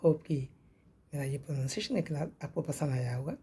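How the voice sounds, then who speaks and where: Guy teaching english pronunciation, dark gravelly voice, says each word over and over. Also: a little high, lively intonation. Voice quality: gravelly, husky. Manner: repeats words slowly, spells letters out. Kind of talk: pronunciation lesson.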